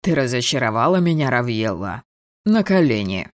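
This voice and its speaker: A reader voicing a cold, ruthless, domineering man who speaks slowly and commandingly, in an audiobook. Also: mid-range voice, very animated, no room sound, studio quality, voice pushed down, lightly acted.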